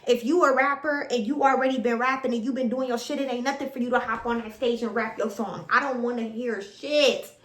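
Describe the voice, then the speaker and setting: A woman's voice: on the high side, steady tone, fairly quick, hardly any pauses, a bit bright. A young woman vents about a reality TV show. She is blunt and profane, and she repeats her complaints in exasperation. Her voice carries a noticeable echo from the room. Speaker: reality TV reaction vlogger. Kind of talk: casual ranting commentary.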